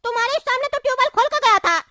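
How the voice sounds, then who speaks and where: A woman voicing an excitable young male brother in a cartoon, scolding and fussing. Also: very high-pitched, very fast, no room sound, clean studio sound.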